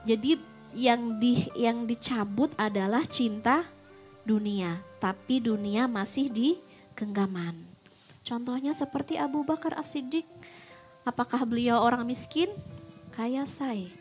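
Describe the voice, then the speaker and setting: A young woman giving a casual religious talk, chatty, mixing in English phrases and filling pauses. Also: on the high side, soft background music. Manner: chatty, mixes English phrases, frequent fillers. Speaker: Islamic preacher.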